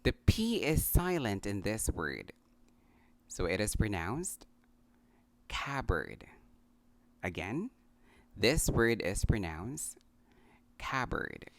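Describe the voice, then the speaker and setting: A man with a Filipino accent teaching English pronunciation, repeating each word deliberately and slipping in Tagalog phrases. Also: on the low side, very animated. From Philippines. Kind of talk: pronunciation lesson.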